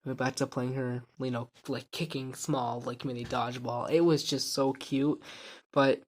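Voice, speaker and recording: A man speaks to his viewers in a soft, subdued voice, pausing and trailing off as he tells a personal story. His pitch sits in an ordinary middle range. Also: little pitch movement. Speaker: vlogger.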